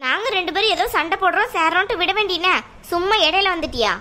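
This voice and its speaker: A woman voicing a stubborn, hot-tempered younger sister in a cartoon, sharp and argumentative. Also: very high voice, expressive, fast talker, heavily acted. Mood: defiant. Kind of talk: cartoon voice acting.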